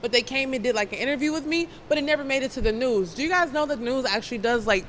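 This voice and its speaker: A woman's voice: sits high, very fast, fairly bright tone, slight background noise. A woman guest on an interview show, telling a story in a chatty way and laughing through her words. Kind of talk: casual interview chat.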